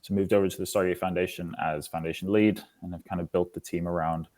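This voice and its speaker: This deep-voiced man speaks quickly, with fairly even intonation and a somewhat dark tone. He's a foundation lead from Singapore, in his twenties, giving explanatory answers about his work as an interview guest.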